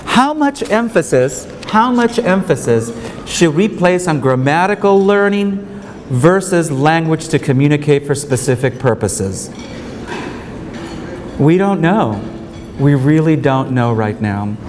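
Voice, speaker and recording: A man's voice: on the high side, lively intonation, measured pace. A middle-aged man giving a conference keynote lecture from a podium in a large ballroom, earnest and emphatic, repeating key points. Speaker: keynote speaker. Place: large hotel ballroom with seated audience. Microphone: podium microphone. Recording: reverberant hall, faint room noise.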